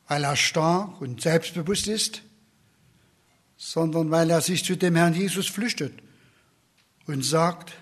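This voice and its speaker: Slow, husky-voiced man preaching. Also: on the high side. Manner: slow, earnest, soft whispered questions. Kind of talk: sermon.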